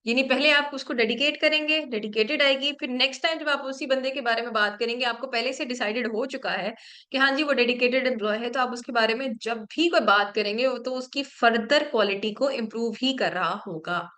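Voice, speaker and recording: Woman with a Pakistani accent, grammar lecturer, bright voice pitched a little high, explains step by step. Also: brisk. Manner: explains step by step, mixing English terms, often asks "ठीक है?". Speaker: teacher.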